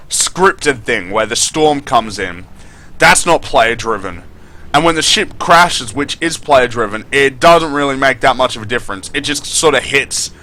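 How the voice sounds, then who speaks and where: A man's voice: medium pitch, bright, forceful tone. A man giving unscripted, opinionated game review commentary as a video host, speaking bluntly with casual swearing.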